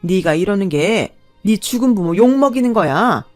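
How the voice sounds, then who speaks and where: A woman voicing a scornful middle-aged mother-in-law who scolds loudly. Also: mid-range voice, expressive, normal speed, faint music behind, natural voice. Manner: shouting, scolding.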